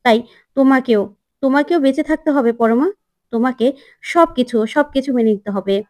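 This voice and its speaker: Soft earnest young woman begging gently, woman doing the voice. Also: high-pitched, normal speed, no echo, clean studio sound, natural voice. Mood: pleading. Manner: soft, quiet, earnest pleading. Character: gentle caring young woman pleading softly.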